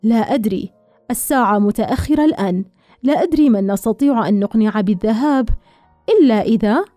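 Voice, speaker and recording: A woman voicing a sly young man who speaks softly and knowingly. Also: on the high side, expressive, quick pace, dry recording, soft background music, close to an everyday voice. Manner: soft, knowing, chuckling.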